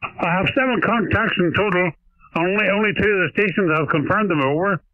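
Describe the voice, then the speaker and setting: A man from Ireland, heard over a shortwave radio as a ham operator, speaking in steady radio procedure and ending each turn with "over.". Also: sits high, a little fast, no room sound. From Northern Ireland. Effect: heard over a shortwave radio receiver. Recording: tinny narrow-band radio signal.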